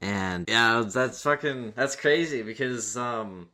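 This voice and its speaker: A man's voice: mid-range voice, slow pace, pushed and bright. A young man co-hosting a podcast, laid-back and swearing casually as he tells a story over a voice call. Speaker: podcast co-host. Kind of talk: casual chat. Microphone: computer mic over a voice call.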